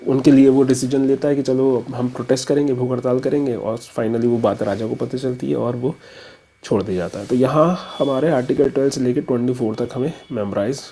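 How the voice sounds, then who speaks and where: A man's voice: medium pitch, steady tone, brisk, dark tone, slight background noise, low-quality recording. A man explaining a memory trick as an educator, casual and story-driven, mixing in English terms.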